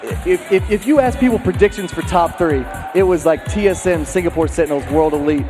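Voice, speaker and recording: Male esports caster, high voice, shouty hype calls, slightly worn voice, loud event music behind. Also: brisk, a crowd in the background, poor audio. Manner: excited shouting play-by-play that drops to calmer wrap-up chat. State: voice getting worn from a long weekend. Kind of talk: live esports commentary. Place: live tournament auditorium.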